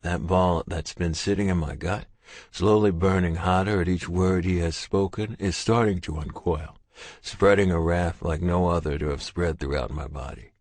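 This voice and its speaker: A man with a very deep, low, slightly mellow voice narrates a romance audiobook in the first person, sounding gruff and intense. The recording is dry and close, with no room sound.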